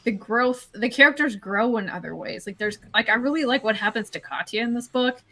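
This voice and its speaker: Woman, livestream host, casual, filler-heavy, bright tone, slightly high. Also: a little fast. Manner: chatty, full of filler words, leads the discussion.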